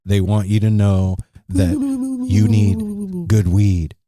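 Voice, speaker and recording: A man voicing a male alien overlord who delivers an announcement in loud, drawn-out pronouncements. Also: on the low side, big pitch swings, dry recording, studio quality. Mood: commanding.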